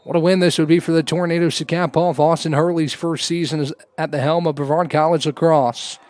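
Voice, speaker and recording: Man, high voice, live sports play-by-play, lacrosse commentary, dry close sound. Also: fairly even intonation, fairly quick, no echo. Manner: raises voice to a shout on goals.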